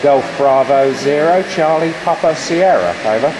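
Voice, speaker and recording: A man's voice: fairly high pitch, normal speed. A man chatting in a rambling way as an amateur radio operator during a radio contact. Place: working pumping station beam room. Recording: clear background noise from machinery room.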